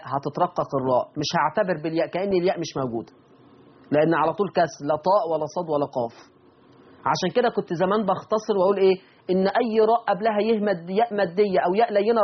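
Husky high-voiced Egyptian man teaching. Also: muffled recording. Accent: Egyptian Arabic. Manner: demonstrates words slowly and repeats them. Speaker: Quran recitation teacher. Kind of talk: explaining recitation rules.

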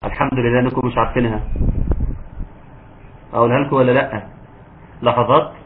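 A man with an Egyptian accent teaching a tajweed lesson, patient and encouraging, sometimes slowing into drawn-out recitation. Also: mid-range voice, fairly even intonation. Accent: Egyptian Arabic. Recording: narrow phone-like audio, faint hiss.

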